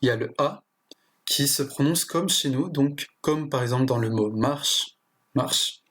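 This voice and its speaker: A man teaching a language lesson in a plain explanatory way, often pausing with fillers and restarting his sentences. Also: mid-range voice. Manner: hesitant, with frequent fillers and restarts.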